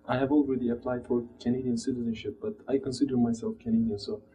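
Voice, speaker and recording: A Turkish man in his thirties tells his personal story as an immigrant in an interview, speaking haltingly in accented English and searching for words as he reflects. His medium-pitched voice is warm but flat. The sound is dull and muffled, with room noise from the small, plain indoor space.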